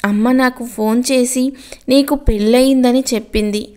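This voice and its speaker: Storybook: woman reading as young man, regretful, pleading, soft and clear. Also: fairly high pitch, fairly even intonation, normal speed, close to an everyday voice. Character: young man, earnest regretful former lover.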